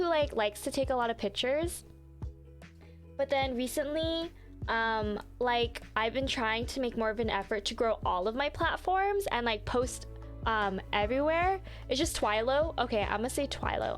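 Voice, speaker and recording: A young woman livestreaming in a casual, chatty way, apologetic and full of fillers. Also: a little high. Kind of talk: casual live-stream chat. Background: faint background music.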